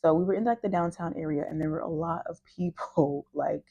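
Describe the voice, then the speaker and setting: Woman vlogger from the US, low voice, mellow tone, chatty storytelling. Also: a little fast, gravelly, slightly rough, lo-fi sound. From United States. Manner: chatty, lively storytelling with acted-out quotes. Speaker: travel vlogger. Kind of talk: casual chat to camera.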